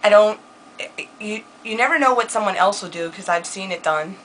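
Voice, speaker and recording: A young woman talks in a loose, joking vlog chat, full of laughter and casual swearing. Her voice is bright and forward, pitched in the middle for a woman, with a faint hiss of background noise underneath. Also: rough recording. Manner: animated, laughing, quick to curse. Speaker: vlogger.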